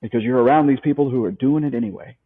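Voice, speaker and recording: Speaking at a quick pace in a mid-range voice, this man sounds tinny, as if on a phone. He's a life coach interview guest who drives his points home emphatically, repeats them, and asks rhetorical questions to motivate.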